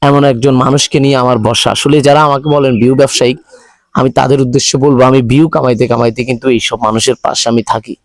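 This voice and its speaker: A man with a Bangladeshi accent hosting a charity video, speaking in a halting, repetitive, pleading way to viewers. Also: medium pitch, fairly even intonation, dry recording. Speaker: charity video host appealing for donations. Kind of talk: earnest spoken appeal to viewers, interviewing.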